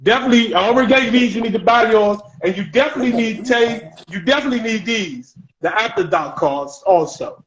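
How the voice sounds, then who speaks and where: A man hosting a relaxed podcast chat on a live video call, talkative and quick to laugh. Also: sits high, a crowd in the background, low-quality recording. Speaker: podcast host. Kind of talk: casual chat.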